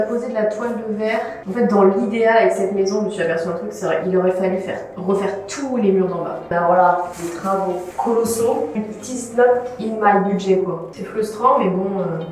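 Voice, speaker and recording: A woman's voice: mid-range voice, a little mellow, very echoey, low-quality recording. A young woman filming a casual home vlog, chatty and self-mocking, swearing casually as she paints her entryway. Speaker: vlogger.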